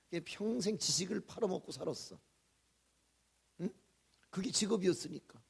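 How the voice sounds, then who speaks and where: Older male pastor, slightly high gravelly voice, folksy joking revival preaching. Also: animated, normal speed. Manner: folksy, joking, shifts from loud to whispered. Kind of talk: revival sermon.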